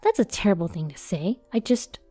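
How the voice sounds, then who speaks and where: A woman's voice: medium pitch, sing-song, brisk, husky, no room sound, soft background music. A woman voicing a snobbish, irritable bride. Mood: flustered. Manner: sharp, scornful and stammering when cornered. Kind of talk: storybook reading.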